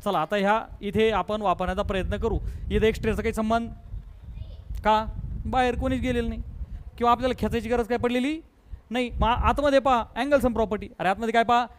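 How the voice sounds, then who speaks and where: A man with a Marathi accent teaching a math lesson, briskly coaxing pupils and drilling them with repeated questions. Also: high-pitched, steady tone, slight background noise. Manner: brisk, coaxing, keeps prompting pupils to answer quickly; repetitive call-and-response questioning. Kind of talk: online class lesson.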